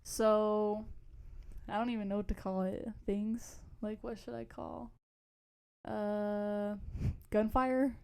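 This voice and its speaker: Her voice is medium-pitched, slow and fairly level, gravelly yet a little mellow and smooth. She's a young adult podcast co-host who rambles through casual, slangy stories and frequently loses track of where she was going.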